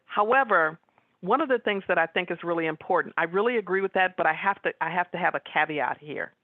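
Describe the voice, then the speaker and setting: A woman giving a webinar talk as guest speaker, chatting with the audience and pausing on fillers. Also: on the low side, no room sound. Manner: conversational, frequent fillers. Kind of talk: webinar presentation with audience questions. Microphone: video call. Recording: tinny phone-like line.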